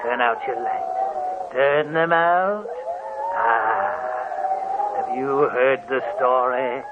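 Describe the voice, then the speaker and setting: Cackling old hermit, very slow and drawn-out, lo-fi old radio broadcast, heavy hiss. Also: male voice, mid-range voice. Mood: sinister. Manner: cackling, drawn-out sinister delivery. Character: cackling old male hermit, eerie host of horror tales. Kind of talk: 1940s radio horror acting. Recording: dull noisy old radio recording.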